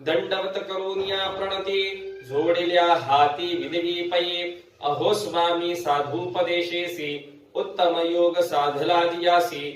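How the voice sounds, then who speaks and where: A man with a high voice chants devotional verse line by line, slow and melodic. He sits well back from the microphone. The room around him rings with heavy echo. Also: fairly even intonation, slight background noise. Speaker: scripture reciter. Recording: very echoey room, voice far from mic.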